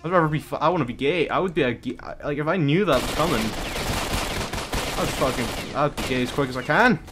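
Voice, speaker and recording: Rambling young man, slightly high voice. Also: animated, moderate pace, heavy background noise. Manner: rambling, giggly, restarts words often. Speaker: streamer. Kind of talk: casual rambling chat.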